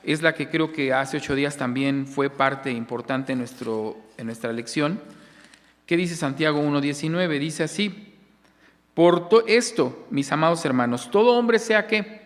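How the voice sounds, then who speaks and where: Deacon with a high voice in an echoing hall. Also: male voice, a little slow. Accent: Mexican Spanish. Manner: asks the audience questions and answers them himself. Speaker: deacon teaching a Bible class. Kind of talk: church lesson. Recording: long echo of a church hall.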